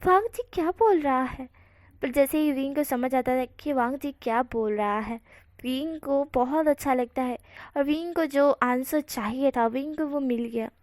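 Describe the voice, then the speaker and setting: A woman's voice: sits high, normal speed, a little mellow, no echo. A woman casually telling a fan-fiction story, dropping English words into her narration. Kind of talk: reading fan fiction aloud.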